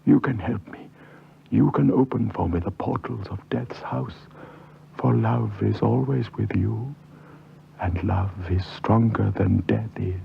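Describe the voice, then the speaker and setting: An actor playing a weary, vain old English ghost in 1950s radio drama, pompous and plaintive in manner, with an English accent. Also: male voice, lowish voice, a little slow, creaky, slight background noise. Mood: wistful, solemn. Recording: muffled vintage 1950s radio recording.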